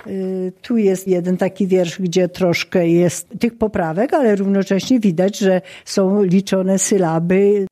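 A woman who teaches Polish literature, speaking in a measured way with frequent hesitation sounds in a documentary interview. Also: medium pitch, warm tone.

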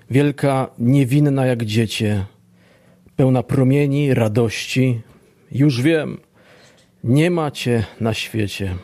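A young man, a student, reciting a poem in a slow, even way. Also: medium pitch. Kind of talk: poetry recitation.

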